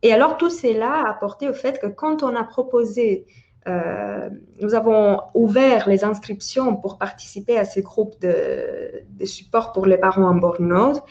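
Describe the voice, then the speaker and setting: A woman's voice: medium pitch, a little mellow, dull audio. A woman from Italy who speaks French with an Italian accent, explaining research as an expert in a webinar, with frequent restarts and hesitations. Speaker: parental burnout researcher.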